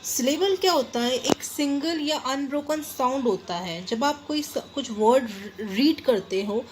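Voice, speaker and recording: A woman with an Indian English accent teaching a grammar lesson, explaining slowly in English, then quickly in Hindi, and stressing each example word. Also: high-pitched, slight background noise. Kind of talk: classroom lesson.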